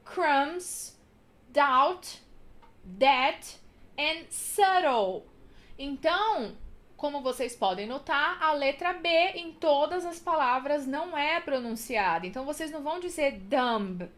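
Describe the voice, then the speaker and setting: A woman from Brazil teaching English pronunciation, saying example words slowly and repeating them. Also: high voice, animated, fairly bright tone. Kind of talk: pronunciation lesson.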